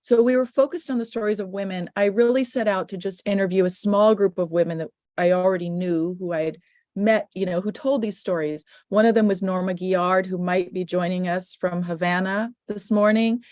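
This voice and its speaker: A woman's voice: mid-range voice, steady tone, a little fast, darkish tone, dry recording, clean studio sound. A middle-aged woman, a filmmaker answering questions in an online panel, speaking thoughtfully and restarting phrases. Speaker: guest filmmaker.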